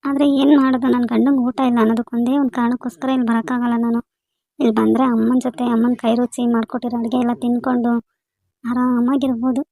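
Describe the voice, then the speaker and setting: A married daughter home on a visit , played by a woman, talks politely at a very fast clip. Her voice sits fairly high and stays even, recorded dry and close. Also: dry recording. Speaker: daughter in a family skit. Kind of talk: amateur village family skit.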